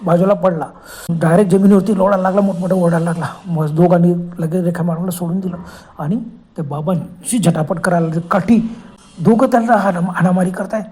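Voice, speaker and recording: A man's voice: high voice, dark tone, slightly rough. A man narrating a horror story with a dramatic, exclaiming manner.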